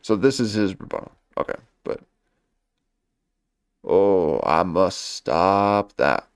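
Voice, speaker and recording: A man drawls slowly through a casual livestream, his low voice grainy with fry. He wanders from thought to thought and keeps tacking on "okay?" The sound is dry and close. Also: lively intonation, no echo. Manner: rambling, fills nearly every pause with "okay?". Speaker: livestream reaction host. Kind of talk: casual rambling livestream commentary.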